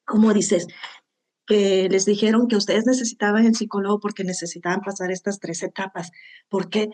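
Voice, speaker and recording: A woman's voice: mid-range voice, fairly even intonation, normal speed, darkish tone. A woman giving heartfelt Bible teaching to a women's group, often asking "¿verdad?". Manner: heartfelt, tags lines with "¿verdad?".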